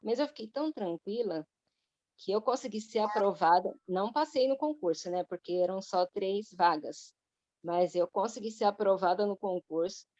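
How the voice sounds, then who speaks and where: A Brazilian woman tells her personal testimony to a church women's group. She narrates in a lively way and keeps slipping into the voices of the people in her story. The recording is dull, dry and lo-fi. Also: medium pitch, normal speed, no echo. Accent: Brazilian Portuguese. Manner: lively storytelling full of reported speech.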